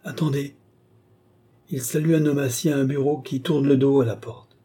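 A man voicing an entranced woman seer who answers obediently and haltingly. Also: mid-range voice, fairly even intonation, warm tone, husky, voice pushed up, close to an everyday voice. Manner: halting, submissive replies.

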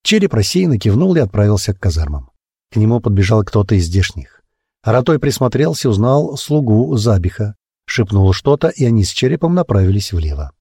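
A man narrating an audiobook with an expressive, varied delivery. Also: fairly low pitch, fairly quick, slightly rough, dry recording, studio quality.

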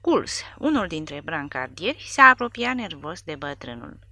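A woman's voice: deep voice, very animated, bright, forceful tone. A woman reading a war novel aloud as an audiobook narrator, expressively.

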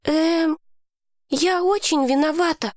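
A woman's voice: very high-pitched, takes it slowly, no room sound, studio quality, voice pushed up. A woman voicing a young girl who is tearful and apologetic.

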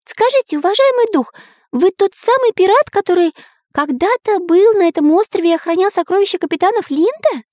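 A woman voicing an excitable young male artist in a children's audiobook, speaking high and eager. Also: brisk, no echo, clean studio sound.

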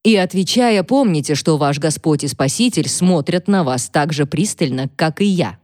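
A woman's voice: low voice, expressive, moderate pace, a little mellow, no room sound, clean studio sound. A woman voicing a stern, impatient male magistrate who presses a witness with irritated, demanding questions. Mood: stern, pressing.

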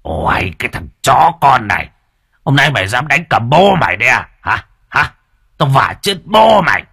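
A man playing a hot-tempered older village father who yells threats and barks short questions. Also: mid-range voice, very animated, moderate pace, creaky, breathy edge, pitched above the performer's own voice, heavily acted. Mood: enraged.

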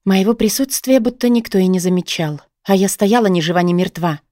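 A woman's voice: mid-range voice, fairly quick, mellow, dry recording, clean studio sound. A woman reading a novel aloud in first person, emotional and pleading in the heroine's dialogue. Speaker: audiobook narrator. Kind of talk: scripted first-person narration.

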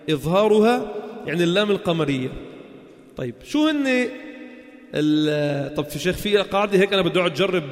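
High-voiced Levantine man teaching in a hall. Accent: Levantine Arabic. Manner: asks the listeners quick check questions and answers them himself. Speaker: religion teacher. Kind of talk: explaining a lesson in casual dialect.

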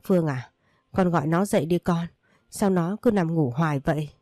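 A woman's voice: lowish voice, normal speed, dark tone, dry recording, studio quality, faint music behind, lightly acted. A woman voicing a grieving elderly widowed mother who pleads for her son. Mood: sorrowful. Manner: pleading, sobbing words.

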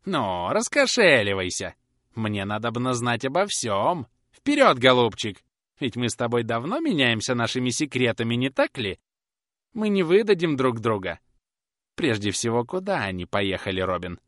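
A man's voice: mid-range voice, very animated, moderate pace, fairly bright tone, dry recording, studio quality. A man voicing a grasping, sly old woman who coaxes and snaps as she pries for secrets, in a storybook reading. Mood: prying. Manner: wheedling, coaxing, then snapping. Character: grasping sly old crone, prying and fierce.

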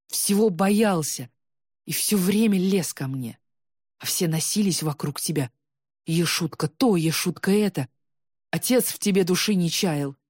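A woman voicing a bitter, jealous young man who shouts resentfully, his voice breaking with tears. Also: fairly low pitch, slightly rough, no echo, studio quality.

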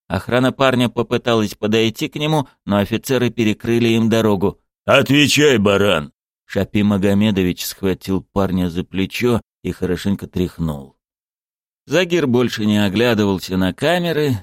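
A man narrating an audiobook with steady, even reading. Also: on the low side, moderate pace, no room sound, clean studio sound. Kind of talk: scripted narration.

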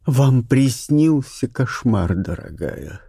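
A man voicing a kind, motherly aristocratic viscountess in an audiobook, speaking in a soft, measured way. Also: mid-range voice, big pitch swings, creaky, husky, no echo, clean studio sound, exaggerated voice. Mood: soothing. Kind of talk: audiobook character reading.

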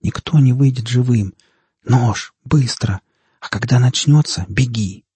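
A man's voice: medium pitch, measured pace, dark tone, husky, dry recording. A man voicing a frightened young girl who whispers urgently and tremblingly.

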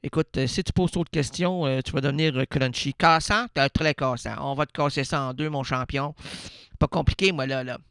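A man's voice: medium pitch, steady tone, fairly quick, vocal fry, a bit bright, clean tone, dry recording. A man with a Québécois accent hosting an absurd improvised radio monologue, rambling playfully and laughing at his own jokes into a studio microphone. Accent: Québécois French. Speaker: radio host.

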